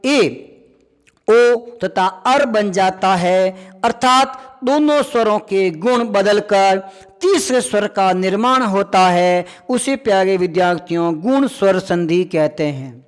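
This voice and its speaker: A male teacher giving a classroom grammar lesson, repeating key points and firing quick questions at his students. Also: sits high, clear, resonant tone, in a large hall.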